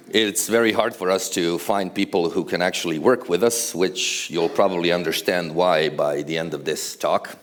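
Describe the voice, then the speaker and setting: Deep-voiced man giving a talk. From Croatia. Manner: casual, conversational, with frequent fillers and dry humor. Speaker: conference speaker, architectural visualization studio co-owner. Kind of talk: conference presentation. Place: stage before a large live audience.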